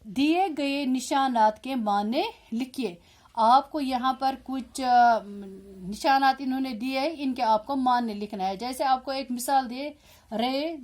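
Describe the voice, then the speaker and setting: A woman schoolteacher giving a recorded lesson to young children, speaking slowly and repeating each question and its answer. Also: fairly high pitch, a little mellow. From Kashmir. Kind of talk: recorded Urdu lesson for fourth graders.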